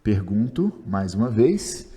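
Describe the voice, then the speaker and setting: With a lowish, warm voice and big pitch swings, a Brazilian man takes it slowly through a step-by-step chemistry video lesson. A long reverb tail follows his Brazilian Portuguese-accented speech as he chats, answers his own questions and makes jokes at his own expense.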